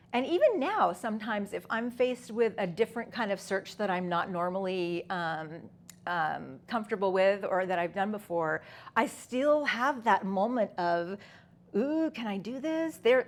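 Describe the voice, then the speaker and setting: A woman in her fifties speaking at a conference, telling her personal story conversationally with many fillers and restarts. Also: medium pitch. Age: 50s. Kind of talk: personal story talk to an audience.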